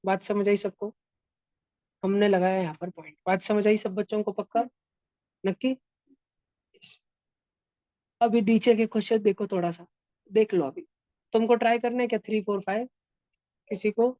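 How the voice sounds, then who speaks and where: A man's voice: sits high, steady tone, normal speed, long pauses, no room sound. Male math teacher, patient and repetitive, checks understanding often; dull, dry lo-fi stream sound. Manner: patient, repeats steps and keeps checking if students follow. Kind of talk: classroom lesson to online and offline students.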